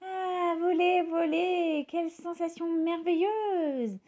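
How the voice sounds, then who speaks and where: Casting note: bold little boy bird, high and squeaky, lively swoops, a woman putting it on. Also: moderate pace. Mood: joyful. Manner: high, eager, excited. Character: young male bird, bold and cheeky.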